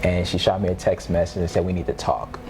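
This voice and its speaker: A man in his thirties, a father on a discussion panel, telling a story in a lively way with laughing asides. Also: low voice, fast. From Arizona. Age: 30s. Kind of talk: casual group discussion. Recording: noisy room ambience.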